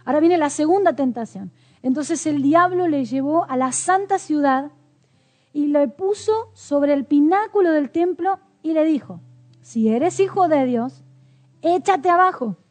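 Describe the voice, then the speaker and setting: A woman's voice: high voice, darkish tone. A woman preaching a sermon in a conversational way, with rhetorical questions and light laughter.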